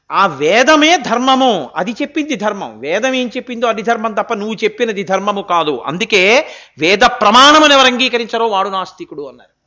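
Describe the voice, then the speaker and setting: A man's voice: extremely high pitch, sharp tone. A man giving a religious discourse, asking rhetorical questions and reciting verses. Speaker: spiritual discourse speaker.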